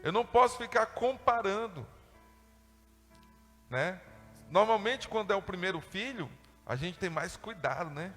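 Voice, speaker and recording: A man preaching a sermon, lively and acting out family dialogues in other voices. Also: measured pace, pauses often. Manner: animated, acts out family dialogues in high voices. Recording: long hall reverb with faint music.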